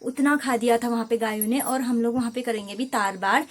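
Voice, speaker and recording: A woman's voice: a little high, steady tone, a little fast. A young woman from Uttarakhand with a Kumaoni accent, chatting casually and rambling in a village vlog, correcting herself as she goes. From Uttarakhand, India. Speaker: vlogger. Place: outdoors at a village home.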